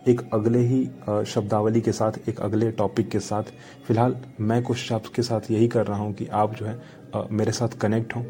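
A man hosting a casual podcast, talking through a point in a mellow, darker tone. He leans on fillers and repeats himself as he explains. A faint hiss of background noise sits under the voice. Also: mid-range voice. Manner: repetitive, many fillers like "theek hai", reads a line then explains. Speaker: podcast host.

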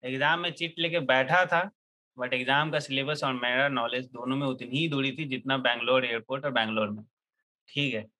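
A man's voice: medium pitch, normal speed. A young man telling a comic hostel story in a chatty group, joking and laughing often, mixing into his speech. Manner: lively, jokey, laughs often. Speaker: storyteller in a group chat show. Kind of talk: comic storytelling among friends.

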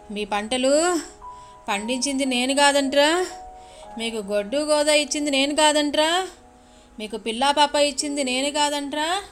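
A woman voicing a male village shaman possessed by a furious goddess, shouting threats in a raised, strained voice. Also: high-pitched, pitched above the performer's own voice. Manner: shouting, threatening, drawn-out menacing cries. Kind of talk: storytelling.

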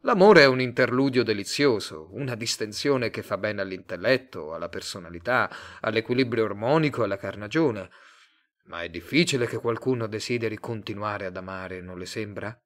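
A man reading a story aloud, voicing a cold, bland male agency director who speaks calmly and condescendingly. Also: moderate pace. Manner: calm, low, coolly condescending.

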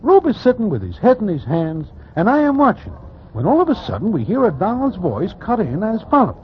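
An actor playing a wry, slangy Broadway character who narrates a vintage radio drama in oddly formal phrases. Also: male voice, high voice, wildly swooping pitch, fairly quick, a little hiss or hum. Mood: wry storytelling. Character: wry, slangy Broadway wise guy telling his tale. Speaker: narrator who also takes part in the story. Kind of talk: 1940s-50s radio storytelling. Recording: muffled vintage radio recording.

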